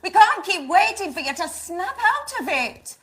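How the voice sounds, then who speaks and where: An actress playing an exhausted mother who scolds her husband forcefully. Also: extremely high pitch, very animated, a little slow, full character voice. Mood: angry. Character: exhausted, fierce British mother and wife.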